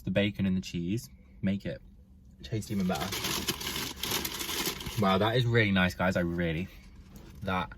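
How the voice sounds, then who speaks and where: Young vlogger, very low voice, chatty food review in a car, mouth often full. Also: male voice, a bit bright, a little hiss or hum. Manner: chatty, talks with his mouth full while eating. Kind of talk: casual food review to camera. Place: inside a parked car.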